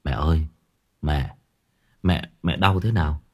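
A man's voice: a bass voice, unhurried, a little mellow, slightly rough, voice pushed down, full character voice. A man voicing a desperate young son who stammers and pleads. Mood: anxious.

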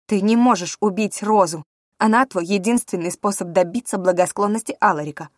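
A woman's voice: on the low side, normal speed, dry recording, studio quality, lightly acted. A woman voicing a fierce, defiant young witch heroine with an urgent, fiery delivery.

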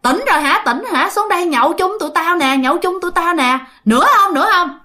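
A bunch of rowdy, tipsy young men hollering up to a friend, with a Southern Vietnamese accent, as a woman storyteller puts them on. The voice jumps high and loud. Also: lively intonation, brisk, full character voice.

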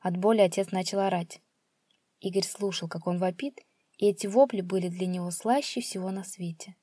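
Woman reading a dark story. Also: mid-range voice, steady tone, moderate pace, husky, dry recording, clean studio sound. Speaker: narrator.

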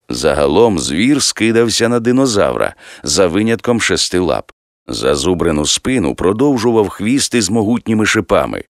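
Deep-voiced male audiobook narrator.

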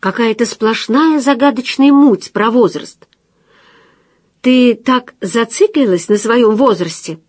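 A woman's voice: a little high, slow pace, darkish tone, dry recording, clean studio sound, voice pushed up. A woman reading the lines of an earnest young man in love, pleading and insistent. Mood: teasing.

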